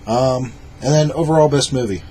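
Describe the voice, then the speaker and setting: Brief: male co-host, drunk, mid-pitched voice, casual movie talk, faint room noise. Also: normal speed, warm tone. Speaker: film review co-host. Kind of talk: casual review chat.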